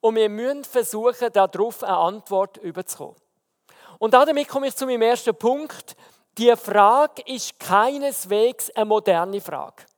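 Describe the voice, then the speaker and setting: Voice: mid-range voice, a little slow. Preacher, Swiss German accent, emphatic rhetorical questions, long echo of a big hall. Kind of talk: evening sermon to an audience.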